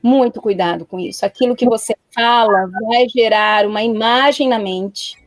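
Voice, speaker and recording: A woman's voice: fairly high pitch, normal speed, no echo. A woman guest on a live talk show who gives counsel in an earnest, emphatic way and repeats her warnings to stress them.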